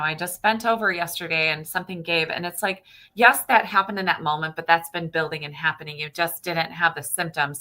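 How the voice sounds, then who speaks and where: A woman chiropractor chatting casually, telling patient stories and acting out their lines with lively emphasis. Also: on the low side, poor audio. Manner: animated storyteller, acts out patient dialogue. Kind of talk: casual chat.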